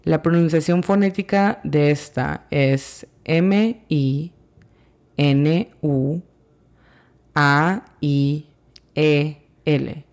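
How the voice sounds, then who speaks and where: A patient language teacher speaking at an unhurried, deliberate pace in a middle-range voice. Words get spelled out sound by sound, and each example phrase is repeated slowly so it can be practiced. It sounds like a calm podcast lesson. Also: medium pitch. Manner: slow and careful, spells out sounds letter by letter. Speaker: English teacher.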